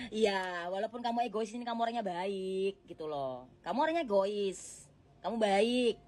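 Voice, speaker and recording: A woman's voice: medium pitch, expressive, normal speed. Chatty woman reading tarot cards. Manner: gentle, chatty, addresses the viewer directly, laughs often. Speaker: tarot card reader. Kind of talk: casual tarot reading monologue.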